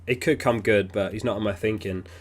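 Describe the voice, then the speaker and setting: Here a man runs a fantasy football live stream, reading out viewer messages and mulling over his answers with relaxed fillers. His voice is somewhat low, steady in tone and fairly quick. He's on the mend from an illness, so he's sniffly and keeps clearing his throat.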